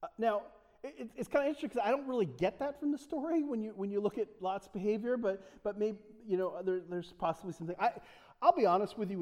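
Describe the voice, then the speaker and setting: A man's voice: high-pitched, darkish tone, in a large hall. A man from the United States preaching a casual sermon in a church, joking and chatty, with many fillers and restarts. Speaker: pastor.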